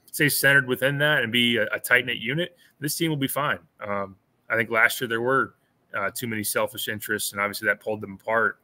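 In casual postgame analysis on a sports podcast he co-hosts, a man in his thirties picks apart a game thoughtfully while often repeating words and starting over. He's on a video call from a small room at home, using over-ear headphones and a webcam, and his mid-range voice comes across bright and forceful.

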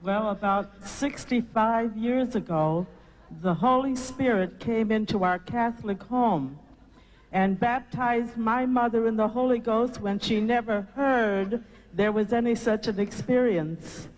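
An older woman telling a personal testimony as a lively storyteller. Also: fairly high pitch, unhurried, poor audio. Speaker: testimony speaker.

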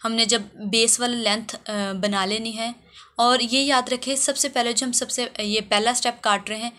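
This hairdresser's tutorial narration is fairly high-pitched and sharp in tone, with fairly even intonation at a moderate pace. She explains the how-to video step by step in an instructional voice-over, frequently repeating herself.

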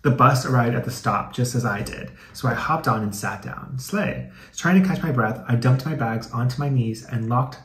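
A young American man hosts a comedic video, reading aloud and commenting in a chatty, slangy, playfully dramatic style. His voice is mid-range, his pace moderate with few pauses, and the room is echoey with some background noise.

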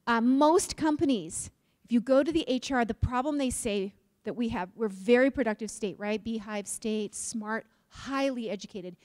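A woman from Utah gives a lively conference talk, quizzing the audience and tossing in jokes. Her pitch is fairly high, and there's no echo.

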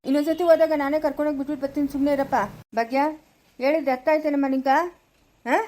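A stern but caring old village grandfather, played by a woman, lectures in a firm voice with a rural Chikkaballapura Kannada accent. The voice sits high and the words come fast. It is a homemade village family skit. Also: steady tone, mellow, close to an everyday voice. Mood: lecturing. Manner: scolding, advising in a firm lecturing tone.

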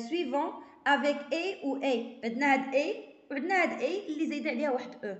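A woman with a Moroccan accent teaching an online school lesson, reading French phrases slowly and carefully, then explaining them in dialect. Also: high-pitched. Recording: echoey, dull lo-fi sound.

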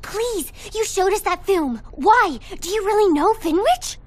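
A woman's voice: very high voice, lively intonation, a little slow. An eager teen girl. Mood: insistent. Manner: eager, insistent. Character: eager pushy teenage girl.

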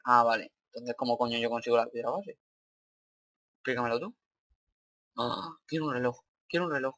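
Young male gaming YouTuber, Spanish accent, excitable and swears, bright tone, dry close mic. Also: mid-range voice, husky, dry recording. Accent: Spain Spanish. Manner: excitable, swearing, thinking aloud. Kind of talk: Minecraft let's play commentary.

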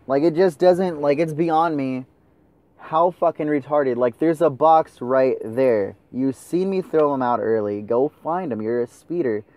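A man's voice: fairly high pitch, measured pace, dry recording, lo-fi sound. A young man commenting over his own gameplay, swearing and ranting at his teammates. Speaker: gaming channel host.

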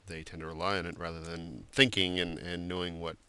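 A man giving a screen-recorded software drawing tutorial, talking loosely with many fillers and restarts. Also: deep voice, flat delivery, fairly quick, smooth. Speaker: art instructor.

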